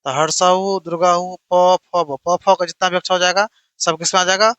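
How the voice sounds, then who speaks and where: High, bright-voiced male teacher. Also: flat delivery, moderate pace, clear, resonant tone, no room sound, muffled recording. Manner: repetitive, keeps checking "theek hai na"; asks and answers his own questions. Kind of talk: exam-prep grammar lesson.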